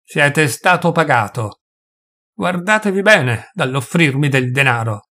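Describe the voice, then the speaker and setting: A man voicing a furious, grieving male doctor who shouts and hammers out each word, with a husky voice. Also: fairly high pitch, animated, a little slow, heavily acted. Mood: scornful.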